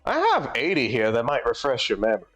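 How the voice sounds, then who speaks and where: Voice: mid-range voice, big pitch swings, fast, fairly bright tone, soft background music, voice pushed down. A streamer voicing a pushy male bar customer with a put-on New York accent, goofy and nasal, asking questions and complaining, in live fan voicing of a game.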